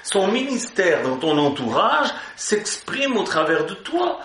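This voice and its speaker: A man's voice: high voice, big pitch swings, takes it slowly, a bit bright. A man preaching an Easter sermon, exhorting his listeners and breaking into joking asides. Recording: roomy hall echo.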